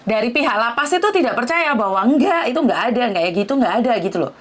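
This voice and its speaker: A woman's voice: on the high side, very animated, racing, a little hiss or hum. A woman hosting a live-stream interview, probing and often asking for confirmation. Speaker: host.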